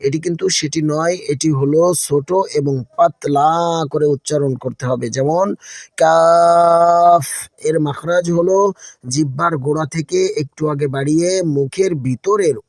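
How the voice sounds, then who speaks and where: A man's voice: fairly high pitch, steady tone, normal speed, a little mellow, no room sound, clean studio sound. A man teaching a Quran lesson, patiently repeating each instruction and addressing his listeners as friends.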